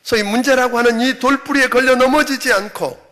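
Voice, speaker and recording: A man's voice: very high-pitched, fairly quick, a bit bright. A middle-aged man preaching a sermon as senior pastor, emphatic, often acting out quoted voices.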